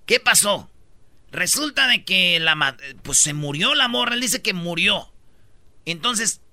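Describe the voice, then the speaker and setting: High bright radio host. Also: male voice, lively intonation, dry recording. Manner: rapid slangy storytelling, acting out quotes. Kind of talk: comic radio banter.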